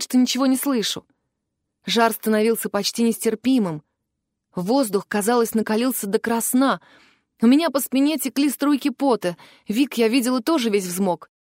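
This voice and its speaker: A woman narrating a first-person fantasy audiobook in an expressive, emotional way. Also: on the high side, dry recording, clean studio sound.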